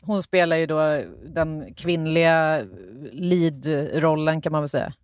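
Casting: young adult co-host, lively and blunt, mid pitch, close dry recording. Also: clean tone, no echo. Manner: animated, swears and laughs while talking. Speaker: podcast co-host. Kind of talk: casual chat.

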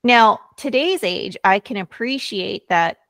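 A woman's voice: medium pitch, lively intonation, unhurried, fairly bright tone, dry recording, clean studio sound. An American woman in her forties, a podcast guest, telling her story earnestly and often checking in with "right?". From United States. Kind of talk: casual interview talk.

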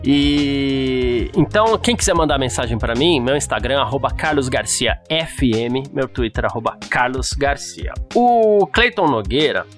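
A man with a Brazilian accent co-hosting a podcast, casually answering listener messages and thinking out loud as he explains. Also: mid-range voice, lively intonation, a little slow, few pauses, soft background music. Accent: Brazilian Portuguese. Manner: explains at length, hedging and speculating aloud. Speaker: podcast co-host.

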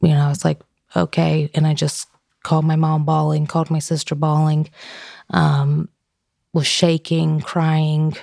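A woman's voice: deep voice, a little slow, creaky, a little mellow, no echo, clean studio sound. A woman being interviewed, recounting things in a plain-spoken, informal, conversational way.

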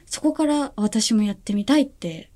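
A woman's voice: fairly high pitch, lively intonation, normal speed, warm tone. A woman in her twenties from Hyogo, a guest actress chatting in a friendly, polite, giggly way. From Hyogo, Japan. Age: 20s. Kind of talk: casual interview chat.

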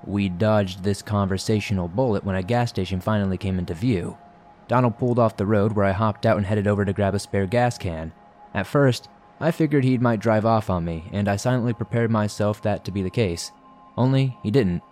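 A man narrating a scary story for a podcast in a measured, wry way. His voice is a little low and mellow, with faint music underneath. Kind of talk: scripted horror story narration.

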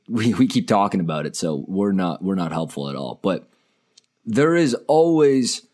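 Very low-voiced man co-hosting a podcast. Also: a little mellow. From Canada. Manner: upbeat, joking, quick asides. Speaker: podcast co-host. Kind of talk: casual podcast chat.

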